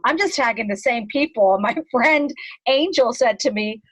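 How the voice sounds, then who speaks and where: A woman's voice: on the high side, moderate pace, husky, low-quality recording. A woman hosting a casual group chat, talking in a rambling way and repeating words as she works out her thought. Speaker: group host.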